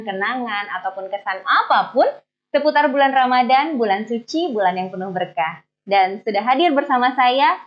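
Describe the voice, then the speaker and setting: A young woman hosting a radio talk show, who greets the audience and coaxes her guest in a friendly, polite way. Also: fairly high pitch. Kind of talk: casual interview chat. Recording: dull lo-fi sound.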